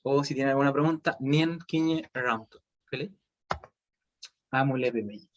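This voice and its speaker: A man's voice: medium pitch, moderate pace, muffled recording. A man with a Chilean Spanish accent teaching a language class online, explaining step by step and checking in with students often.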